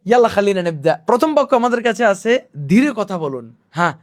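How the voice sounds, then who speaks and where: A man teaching Arabic phrases in a lesson video, repeating each phrase slowly and mixing in English words. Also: high voice, sing-song. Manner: sprinkles religious phrases through his talk.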